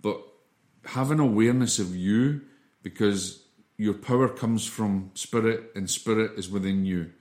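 Low-voiced man giving an informal spiritual lesson. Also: a little slow, a little mellow. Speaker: spiritual teacher.

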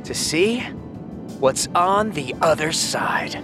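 A man's voice: on the high side, expressive, slow pace, over music. A man voicing a sentient freighter spaceship in an audio drama, a brash, easygoing adventurer who talks in casual, teasing slang. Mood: eager, adventurous. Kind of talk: audio fiction drama acting.

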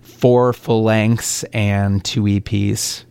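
A man, a recording engineer and producer, chatting as an interview guest and telling excited, rambling stories. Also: on the low side, drawn-out words, creaky, clear, resonant tone. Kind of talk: casual interview chat.

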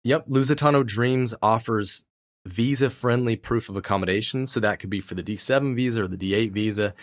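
A man with a voice on the low side speaks briskly. He co-hosts a podcast in a casual, conversational style, chatting and doing sponsor reads.

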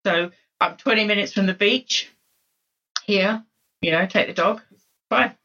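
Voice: medium pitch, unhurried, bright, forceful tone, muffled recording. An architect from South London, a guest on a podcast, talking conversationally with hesitant fillers. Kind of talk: casual chat.

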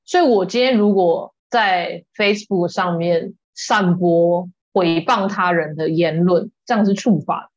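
A woman's voice: lowish voice, unhurried, hardly any pauses, dull audio. A woman co-hosting a casual podcast chat who keeps asking follow-up questions. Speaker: podcast co-host.

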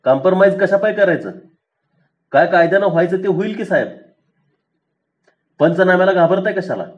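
A man's voice: fairly high pitch, fairly quick, dull audio, pitched above the performer's own voice, close to an everyday voice. A man doing a stubborn rustic milkman. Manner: rustic, dogged, self-righteous. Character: stubborn poor village milkman, middle-aged man.

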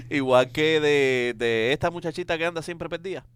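A man's voice: a little high, very animated, normal speed, fairly bright tone. A man in a casual podcast chat, easygoing and hesitant, leaning on fillers.

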